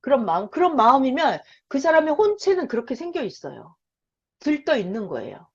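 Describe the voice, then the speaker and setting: On a dull lo-fi recording, a woman teaches Bible basics to beginners, animatedly telling a story and putting questions to the audience. She speaks briskly in a high, husky voice.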